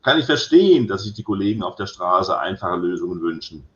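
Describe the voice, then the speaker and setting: A man reading the lines of a cautious male police president, speaking in a measured, wry way. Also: low-pitched, very animated, a bit bright. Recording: roomy echo, slightly dull sound.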